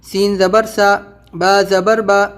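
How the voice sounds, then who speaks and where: A man teaching Quran reading, drawing out letter sounds slowly and then explaining quickly. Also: sits high, level tone, smooth. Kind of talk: spelled-out reading lesson.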